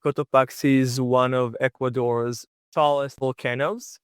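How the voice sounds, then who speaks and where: A man's voice: mid-range voice, flat delivery, measured pace, clean tone, no room sound, clean studio sound. A young man from Israel, a guest telling travel stories in an easygoing, chatty way with many fillers. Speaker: guest, long-distance bicycle traveler. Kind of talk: casual interview storytelling.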